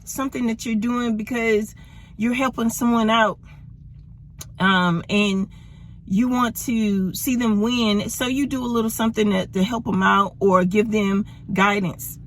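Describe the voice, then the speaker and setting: Slow-talking woman, a little out of breath. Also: fairly high pitch, steady tone, fairly bright tone, slight background noise. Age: over 40. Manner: laughs often, drawn-out emphatic phrasing. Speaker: motivational vlogger. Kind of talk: casual motivational talk to camera. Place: parked car in winter.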